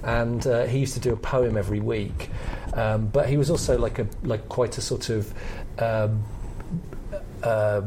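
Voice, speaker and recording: A middle-aged British man co-hosts a podcast, analyzing comedy history conversationally in a reflective, hesitant, explanatory way. His mid-range voice is steady and slightly mellow, at a measured pace. The audio is poor, with slight background noise.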